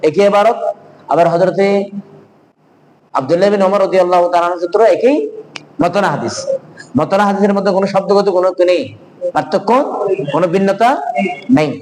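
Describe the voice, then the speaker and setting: High-voiced man teaching hadith. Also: a little mellow, slight background noise, rough recording. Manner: asks students questions and answers them himself; mixes in Arabic recitation and Hindi-Urdu phrases. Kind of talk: online classroom lecture.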